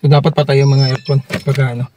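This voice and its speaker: A man's voice: medium pitch, level tone, quick pace. A man with a Filipino accent giving a casual, hesitant car walk-through as a vlogger, often repeating himself, recorded inside a car with machine noise behind him. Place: inside a car with engine running.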